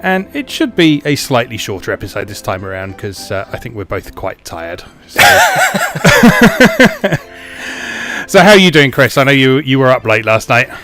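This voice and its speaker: A man hosting a podcast in casual chat, lively and dry, laughing easily and poking fun at himself. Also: mid-range voice, a little slow, over music. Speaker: podcast host.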